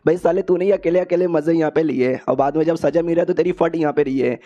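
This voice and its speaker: Guy doing a jokey slangy anime recap, kinda high voice, mellow, dull lo-fi sound. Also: quick pace. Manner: slangy, jokey, repeats filler "yahan pe". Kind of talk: casual Hindi story recap, voicing all characters.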